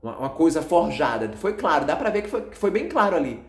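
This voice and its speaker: A man with a Brazilian accent who runs an evangelical channel, recounting a dream to his followers in an agitated, halting, repetitive way. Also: a little high, very animated, reverberant. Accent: Brazilian Portuguese.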